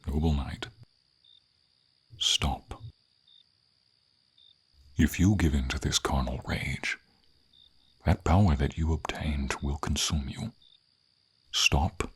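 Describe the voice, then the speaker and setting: A man performs the full character voice of an old, friendly silver dragon who wistfully protects a knight, speaking deeply and slowly with a raspy, breathy quality that often drops to a whisper. His steady tone carries grave pleading, delivered solemnly and tenderly in formal storybook diction. It's an ASMR fantasy roleplay framed as a dramatic monologue.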